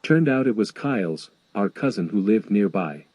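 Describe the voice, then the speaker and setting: A man narrates a spooky first-person tale in a steady, measured way. His voice sits on the low side with a dark, mellow tone. The sound is close and dry, with no room around it. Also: no echo, poor audio. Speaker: horror story narrator. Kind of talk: scripted narration of a first-person scary story.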